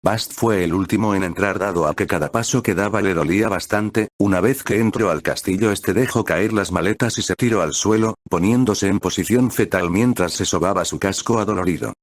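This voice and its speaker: A man reading fan fiction aloud in steady, plain narration. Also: low-pitched, a little fast, hardly any pauses, dry recording. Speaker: story reader.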